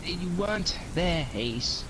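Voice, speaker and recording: An actor playing an enigmatic, grieving alien time traveler and mentor in an audio drama, with a theatrical, grandiose way of speaking. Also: male voice, high-pitched, animated, slow pace, background noise. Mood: mournful, guilty.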